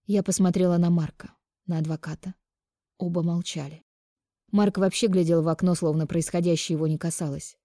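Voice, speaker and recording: Lady reading an audiobook, low dark gravelly voice, super dry close mic. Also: fairly even intonation, brisk, dry recording. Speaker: audiobook narrator. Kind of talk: audiobook narration.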